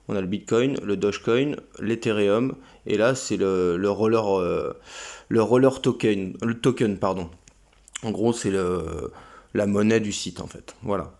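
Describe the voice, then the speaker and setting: A man's voice: lowish voice, gravelly, a little mellow. A man, hosting his own channel, walking viewers through a website in a casual, hesitant way with many fillers. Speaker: crypto channel host. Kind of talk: casual screen-recorded walkthrough.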